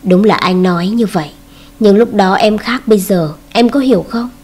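A woman reading the lines of a young man who coldly turns away his ex, in a husky voice. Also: mid-range voice, normal speed, darkish tone, lightly acted. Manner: cold, dismissive. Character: young man, cool and dismissive toward his ex.

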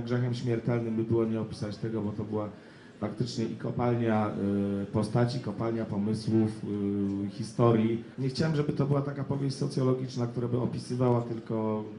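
Flat-toned male author talking, echoey room. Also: mid-range voice. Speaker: novelist. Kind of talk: spoken interview about own work. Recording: echoey room, faint noise.

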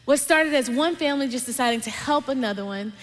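Young adult woman, fairly high voice, lively guest sermon from a church stage, long hall reverb. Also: fast talker. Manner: dynamic, conversational preaching, drops to soft emphasis. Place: large church stage with lights and screens.

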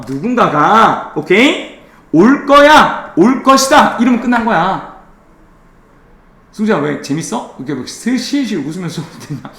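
A man teaching an English grammar class, drilling students with quick questions and teasing them playfully. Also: high voice, fairly bright tone, roomy sound. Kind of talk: classroom lecture.

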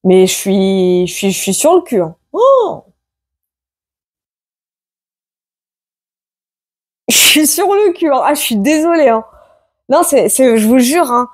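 A woman reading tarot cards aloud to her viewers in a casual chat, tagging her sentences with "hein" and bursting into loud exclamations. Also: fairly high pitch, normal speed, no room sound, studio quality. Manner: excitable, exclaims loudly, many "hein" tags. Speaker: tarot card reader. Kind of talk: casual card-reading video.

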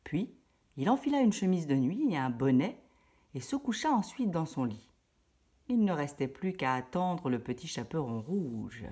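A woman reading a children's story aloud in a lively, expressive way. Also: low voice, normal speed, husky.

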